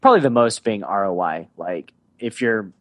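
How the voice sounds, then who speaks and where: A man hosting a podcast interview, asking questions in a relaxed conversational way. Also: on the low side, normal speed, no echo. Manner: conversational, asks leading questions. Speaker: podcast host.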